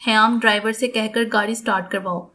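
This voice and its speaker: A woman's voice: medium pitch, steady tone, fairly bright tone, a little hiss or hum, close to an everyday voice. A woman voicing a stern, irritable man in his late thirties in an audiobook, curt and scornful. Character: stern, irritable 37-year-old husband.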